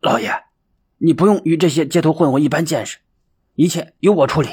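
A servile household steward hurries through his words in a raised, placating voice, as a male storyteller voices him. The tone is husky and breathy, a servant smoothing things over in an audiobook tale. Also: fairly high pitch, a little mellow, pitched above the performer's own voice. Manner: quick, placating.

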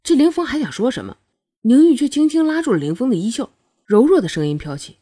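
A young woman reading a novel aloud with expressive storytelling. Her voice is mellow and a touch husky. Her pitch moves freely and keeps the scenes lively. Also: quick pace. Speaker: audiobook narrator. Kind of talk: scripted narration of a romance novel.

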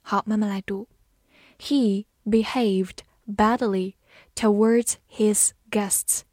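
Slow, careful woman teaching vocabulary. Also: medium pitch, darkish tone, no room sound, clean studio sound. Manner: slow, careful drilling of words and spelling. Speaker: English teacher. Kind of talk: vocabulary lesson.

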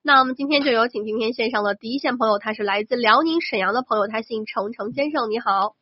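A woman's voice: on the high side, fast, no room sound, muffled recording. A woman co-hosting a radio show, chatty and announcing discussion topics in casual on-air banter. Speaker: radio co-host.

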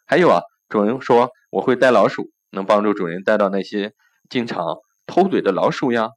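A man's voice: lowish voice, animated, normal speed. A man voicing a cute, smug little cat in a spoken storybook, in a teasing, raised voice.

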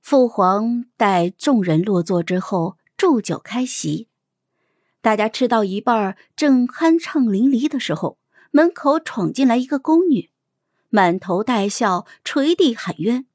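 Lively woman audiobook narrator. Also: on the high side, unhurried, no echo, studio quality. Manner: animated, storytelling.

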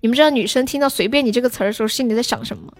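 A woman's voice: fairly high pitch, animated, very fast. A young woman hosting a livestream, chatting casually and playfully teasing her viewers with advice. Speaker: livestream singer and host.

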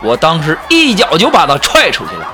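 A man's voice: fairly high pitch, huge pitch swings, a little fast, noisy background. A man performing a comic monologue, telling his jokes in a chatty storytelling way and slipping into other people's voices. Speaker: comedian. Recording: music playing behind.

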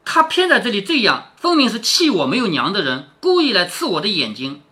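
A man's voice: high-pitched, wildly swooping pitch, fairly quick, bright, forceful tone, full character voice. A man voicing a sensitive young woman while reading a classic novel aloud, in a plaintive way. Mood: wistful. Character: sensitive young orphaned woman, wistful and sharp.

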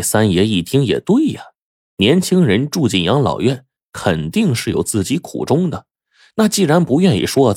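A man telling a folk tale in a lively, dramatic, folksy manner. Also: fairly low pitch, dry recording, studio quality. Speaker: storyteller. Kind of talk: spoken storytelling.

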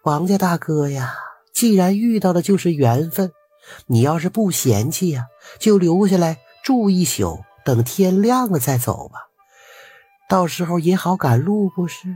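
A man voicing a ghostly young village woman who speaks softly and coaxingly from inside her lonely house. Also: high-pitched, expressive, unhurried, breathy edge, no room sound, faint music behind, pitched above the performer's own voice, exaggerated voice. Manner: gentle, hospitable, softly coaxing.

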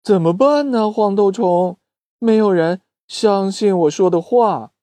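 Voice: mid-range voice, measured pace, warm tone, dry recording, pitched above the performer's own voice, close to an everyday voice. A storyteller voicing an eager young boy chick in a children's story. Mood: anxious. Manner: eager, earnest.

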